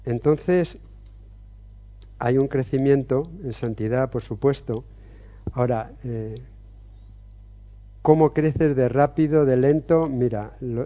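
Deep-toned man giving earnest testimony. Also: mellow. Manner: earnest, reflective, many hesitations. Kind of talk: personal testimony and teaching.

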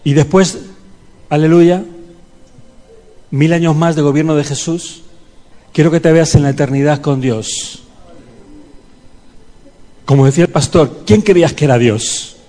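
A man's voice: a little high, measured pace, pauses often, warm tone. A man leading a fervent prayer and sermon in a church, pleading and calling on the congregation. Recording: long hall reverb.

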